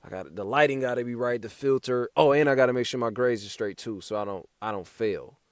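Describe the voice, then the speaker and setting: A man hosts a casual podcast conversation in a loose, slangy style and is quick to laugh. His voice sits at an ordinary pitch and is recorded close and dry, with no room around it. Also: no room sound. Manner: relaxed slangy banter, laughs easily. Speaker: podcast host. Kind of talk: casual chat.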